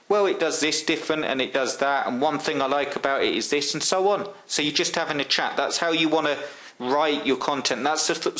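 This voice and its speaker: A man's voice: mid-range voice, fairly bright tone. A man giving a casual screen-share tutorial on writing website content, talking as if chatting with a friend, with plenty of ums and restarts. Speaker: online marketing tutor.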